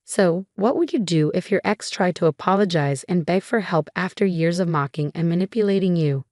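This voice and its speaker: A woman narrating a first-person revenge story in a steady, measured way. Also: fairly low pitch, no echo, clean studio sound.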